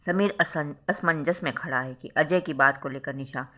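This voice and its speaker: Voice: mid-range voice, moderate pace, pushed and bright. A storyteller reading a self-written romantic drama aloud, voicing every role in a melodramatic way. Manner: melodramatic, reads all roles. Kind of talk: scripted story narration.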